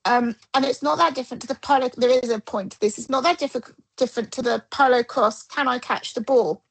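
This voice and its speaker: Gravelly, breathy-voiced woman telling stories. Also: sits high, fast, poor audio. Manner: animated, acts out quoted dialogue. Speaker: dressage rider and coach, guest. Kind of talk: casual storytelling interview.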